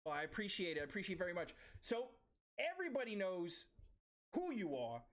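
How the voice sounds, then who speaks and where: A man's voice: high-pitched, wildly swooping pitch, a little fast, a bit bright. A man in his forties with a New York accent, hosting a podcast in casual, chatty interview banter. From Brooklyn, New York. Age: 40s. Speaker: podcast host.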